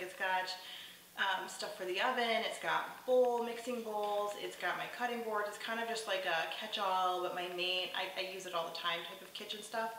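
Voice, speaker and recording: A woman's voice: mid-range voice, a bit bright. A woman in her thirties rambling casually about cleaning her kitchen, full of "like" and "um", filmed by a camera some distance away at home. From New York state. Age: 30s. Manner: chatty, rambling, lots of "like" and "um". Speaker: lifestyle vlogger. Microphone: far camera. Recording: very echoey room, voice from a distance, faint hiss.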